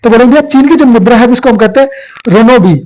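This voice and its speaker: A man's voice: very high voice, rapid-fire, a little mellow, poor audio. A male teacher giving an exam coaching lecture, asking questions and answering them himself. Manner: repetitive call-and-response questioning.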